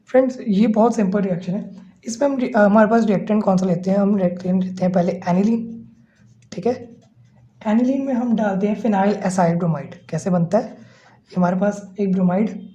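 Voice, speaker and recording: A man lecturing on chemistry with a mellow, soft-edged tone. He walks through each step patiently and keeps checking in with his listeners. The recording sounds a little muffled and lo-fi. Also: high voice. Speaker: chemistry teacher. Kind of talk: classroom lecture.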